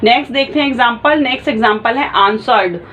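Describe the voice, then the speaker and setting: A woman's voice: on the high side, quick pace, a bit bright, a little hiss or hum, poor audio. A woman teaching a shorthand class online. She explains patiently and spells out sounds step by step.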